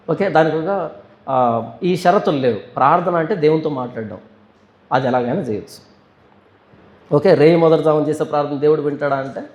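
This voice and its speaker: A male pastor teaching a Bible study, reading verses slowly and posing questions he answers himself. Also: fairly high pitch. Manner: asks and answers his own questions, reads verses slowly. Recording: echoey hall.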